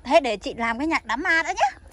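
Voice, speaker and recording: A woman's voice: high voice, expressive, fast, bright, forceful tone, a little hiss or hum. A young woman in a comedy skit, teasing and mock-mournful. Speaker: comedy vlog regular.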